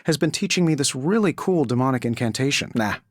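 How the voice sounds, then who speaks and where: A man's voice: medium pitch, animated, fast talker, no room sound, clean studio sound, lightly acted. A man playing a wisecracking, cocky genius inventor superhero in a video game, talking in a glib, sarcastic, conversational way. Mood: wry, breezy. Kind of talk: video game character voice lines.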